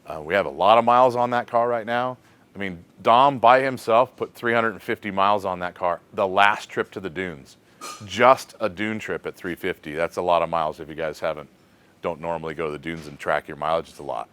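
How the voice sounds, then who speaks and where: A deep-voiced American man leads a laid-back shop chat. His voice is smooth and clear. He muses aloud and leans on easy fillers as he answers questions. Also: fairly quick. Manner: relaxed, thinking aloud with fillers. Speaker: host of a shop question segment. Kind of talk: casual shop talk.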